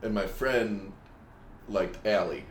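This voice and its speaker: A man in casual chat, relaxed and hesitant, telling a childhood memory. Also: on the low side, slow. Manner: relaxed, hesitant with fillers and restarts. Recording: roomy echo with faint hiss.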